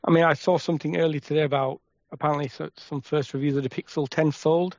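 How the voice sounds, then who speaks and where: A man with a Yorkshire accent chatting casually as a podcast co-host, with quick, halting restarts. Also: fairly high pitch, fairly even intonation, a little mellow, dry recording. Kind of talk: casual chat. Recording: dry, slightly muffled.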